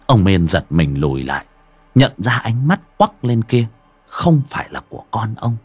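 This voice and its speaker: A man narrating a horror story with dramatic, suspenseful pacing and sharp rises and drops. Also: lowish voice, big pitch swings, moderate pace, husky, no echo.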